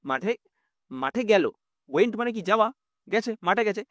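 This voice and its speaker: Male teacher, Bengali accent, patient explainer, high animated pitch. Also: normal speed, dry recording, clean studio sound. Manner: explaining patiently, keeps asking "understood?". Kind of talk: exam-prep English lesson.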